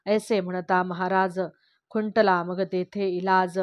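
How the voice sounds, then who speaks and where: A woman reading devotional verse aloud in a steady, measured recitation. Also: on the low side, no echo. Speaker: reader of a devotional text. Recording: slightly dull, dry lo-fi recording.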